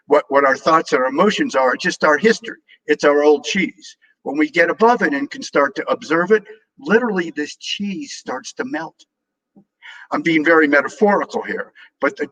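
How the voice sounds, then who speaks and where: Earnest older man with a bright, forceful voice. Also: fairly high pitch, rough recording. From New Orleans, USA. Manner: earnest, repeats words, uses homely metaphors. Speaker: guest speaker. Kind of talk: inspirational talk on a live video call.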